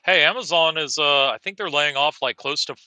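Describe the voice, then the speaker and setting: A man co-hosting a casual chat, excitable and quick to react. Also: fairly high pitch, no room sound.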